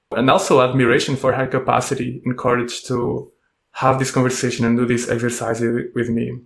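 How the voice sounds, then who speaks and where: A man hosting a self-help podcast, speaking calmly and gently in a reflective monologue full of rhetorical questions. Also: mid-range voice, vocal fry. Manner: calm, gentle, asks many rhetorical questions. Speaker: podcast host and coach.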